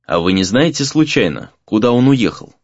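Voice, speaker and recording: A man's voice: medium pitch, very animated, moderate pace, no echo, highs cut off. A man voicing a weary, polite young sorcerer apprentice who speaks with tired respect. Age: young adult.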